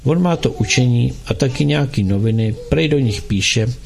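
A man voicing a soft-hearted, worried old grandmother who speaks in fretful, colloquial phrases. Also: mid-range voice, animated, vocal fry.

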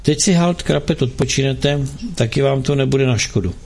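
A man's voice: mid-range voice, creaky, a little mellow, a little hiss or hum, lightly acted. A man voicing a country doctor who keeps up easy, reassuring small talk with a patient. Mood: soothing. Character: calm, chatty country doctor.

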